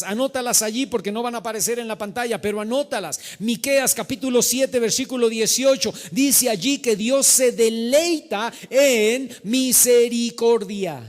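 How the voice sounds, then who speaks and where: Middle-aged man, pastor, sermon; high voice, fervent and emphatic, long hall reverb. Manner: preaching with fervent emphasis, then a softer storytelling tone. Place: church hall.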